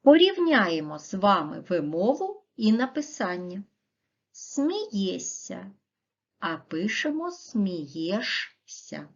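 A woman teacher from Ukraine giving a recorded video lesson to children, speaking clearly and slowly and stressing word endings. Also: medium pitch, big pitch swings. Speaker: primary school teacher. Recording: dull, muffled lo-fi audio.

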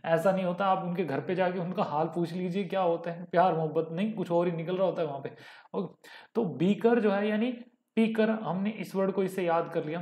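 A man teaching English vocabulary with memory tricks, explaining step by step and slowly repeating key words. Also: high-pitched, darkish tone, roomy sound.

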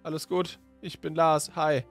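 A man with a fairly high voice plays himself in a Minecraft story. He talks in loose, slangy chat and often sounds confused, stopping and restarting his sentences. Soft music plays quietly behind him. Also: flat delivery, a little slow. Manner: slangy and casual, often asking what is going on. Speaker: YouTuber playing his own character in a Minecraft story. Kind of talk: role-played Minecraft story with casual chat.

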